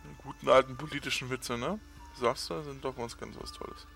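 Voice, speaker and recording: A man's voice: mid-range voice, steady tone, fairly quick, gravelly, sharp tone. Gamer guy muttering and swearing at the game, medium voice, faint music behind. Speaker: let's player. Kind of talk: casual gameplay commentary.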